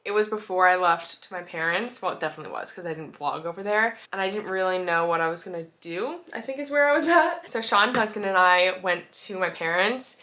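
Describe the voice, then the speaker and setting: A young woman with a New England accent, chatting excitedly to camera about her small business day, her voice going hoarse from talking. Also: lowish voice, fairly quick, few pauses. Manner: excited, chatty, rattling off numbers. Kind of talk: casual vlog talk to camera.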